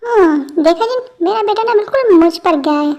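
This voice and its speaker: A woman's voice: extremely high pitch, animated, moderate pace, dull audio, music in the background, pitched above the performer's own voice. A woman voicing a jovial, fond middle-aged father.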